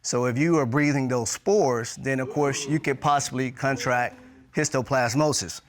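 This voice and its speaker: A man's voice: medium pitch, moderate pace. A middle-aged man giving explanatory testimony as an expert witness.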